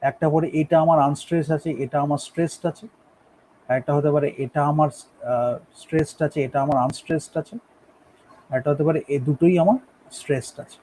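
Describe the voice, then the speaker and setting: High-voiced man teaching a lesson. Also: fairly even intonation, fairly quick, dark tone, slight background noise, rough recording. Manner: explains step by step, often checks understanding. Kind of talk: classroom lecture on poetic meter.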